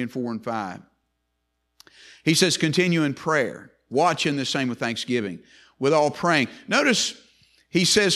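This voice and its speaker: An older man preaching a sermon in church, repeating key phrases and slowing down hard on words he wants to stress. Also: medium pitch, fairly bright tone. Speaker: pastor.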